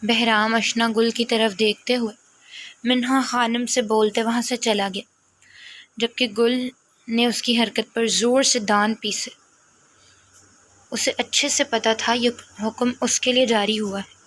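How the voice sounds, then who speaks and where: Woman reading a novel aloud, steady storytelling, kinda high voice. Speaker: novel reader. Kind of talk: storytelling narration.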